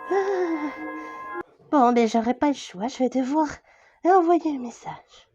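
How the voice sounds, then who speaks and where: A woman's voice: high-pitched, expressive, takes it slowly, a little mellow, muffled recording, soft background music. A woman voicing a bossy princess hostess. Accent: Québec French. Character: bossy fussy princess hostess, self-important organizer. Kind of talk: toy role-play storytelling.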